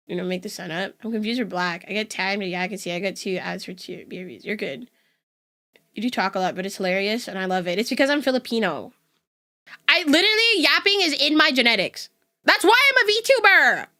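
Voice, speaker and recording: A young woman streaming as a VTuber chats casually and laughs often with her chat, using a neutral West Coast American accent. She talks fairly quickly in an animated, mid-range voice that is pushed and bright.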